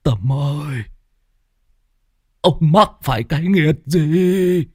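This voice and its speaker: A man's voice: high voice, no room sound, clean studio sound, pitched above the performer's own voice. A man voicing a frail, tearful old Taoist master who stammers and wails. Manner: wailing, stammering.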